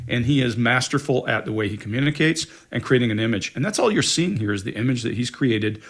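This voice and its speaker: A man analysing an interview clip with a panel, chatty and emphatic as he builds his points. His voice sits at a medium pitch, and he speaks in a loose, conversational way. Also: expressive, fast talker. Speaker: body language analyst.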